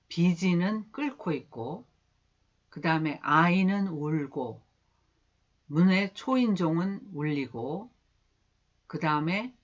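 A woman teaching a beginner English lesson, asking the class questions and answering them herself as she drills each word's pronunciation. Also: deep voice. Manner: drills pronunciation slowly, word by word, inviting repetition. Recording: dull lo-fi lesson recording.

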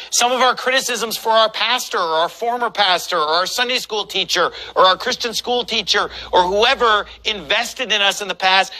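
Forceful high-voiced combative preacher man. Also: low-quality recording. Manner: combative, mocking, emphatic preaching. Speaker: pastor. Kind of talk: sermon.

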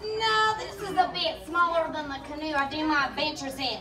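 A woman playing a goofy explorer sidekick in a church kids' skit, with a squeaky, very high put-on voice and giggles through her telling. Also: animated, normal speed, a crowd in the background. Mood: giggly storytelling. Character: goofy, giggly explorer sidekick who snacks on bugs and mushrooms. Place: large church hall. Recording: echoey hall, far mic, loud kid audience.

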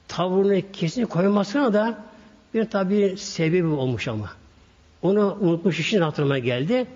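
A man delivers a sermon to his congregation and acts out the voices in the story as he tells it. His voice is husky and sits a little high. The recording is dull and lo-fi, with long reverb from a hall. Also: a little mellow. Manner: addresses congregation, acts out quoted dialogue. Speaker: preacher.

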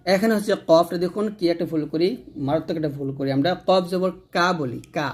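A man with a somewhat high-pitched voice gives a careful recitation lesson. He breaks words into letters and vowel marks, stretching syllables and repeating them. His manner stays patient and instructive throughout. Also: darkish tone. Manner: patient, repeats syllables slowly, drawing out sounds. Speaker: Quran recitation teacher. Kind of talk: slow letter-by-letter pronunciation lesson.

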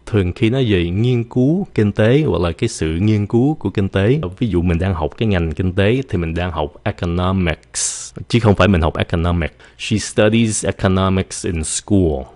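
Man, very low voice, casual vocabulary lesson, slow drilled English words, quick explanations, dry close sound. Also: darkish tone, no room sound. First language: Vietnamese. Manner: repeats words slowly to drill pronunciation, then switches to quick explanation. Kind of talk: casual teaching in Vietnamese with English examples.

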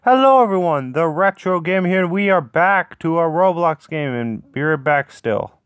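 A man commentating on his gameplay in a slightly high, clear voice. He is casual and excitable, repeats short phrases, and leaves lots of space between them, in a dry recording. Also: dry recording. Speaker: gaming video host.

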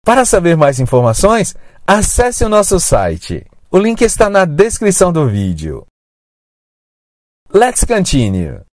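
Teacher, scripted lesson narration, slow careful delivery, lively pitch, dry close mic. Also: no room sound. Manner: slow, clear, drawn-out word modelling. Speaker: English teacher.

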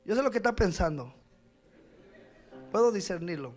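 High-pitched pastor preaching in a church, tells a story and plays all the parts, faint music behind. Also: male voice, expressive, normal speed, darkish tone. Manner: storytelling preacher, acts out dialogue with call-outs to the congregation. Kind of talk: sermon.

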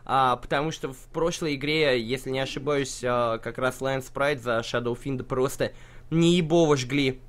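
A man's voice: medium pitch, normal speed. Sarcastic man commentating a game. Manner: sarcastic, mocking, swears freely. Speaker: esports commentator and stream host. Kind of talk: casual game commentary with banter.

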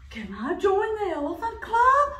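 A woman voicing an eager, naive little male duck who speaks in a high, hopeful way. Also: huge pitch swings, a little slow, bright, forceful tone, heavily acted. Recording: roomy, from a distance.

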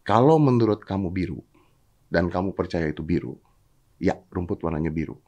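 A man voicing a wise male lion king in a told fable, measured and stern. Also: sits low, lively intonation, mellow, lo-fi sound. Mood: calm.

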